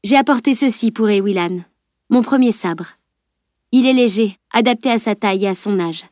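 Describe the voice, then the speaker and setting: A woman's voice: a little high, moderate pace, a little mellow, no room sound, clean studio sound, natural voice. Woman voicing a helpful young swordswoman.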